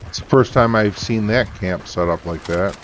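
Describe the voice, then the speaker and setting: A man's voice: lowish voice, normal speed, background noise. A man live-streaming a game, chatting casually, sleepy and yawning, thanking his viewers. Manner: relaxed, tired, thanking viewers.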